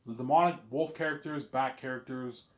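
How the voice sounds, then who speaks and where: A young man with a mid-range voice and fairly even intonation talks briskly in a casual monologue for a personal series about his planned film. His wording is blunt, and he rambles, repeating himself and restarting phrases often.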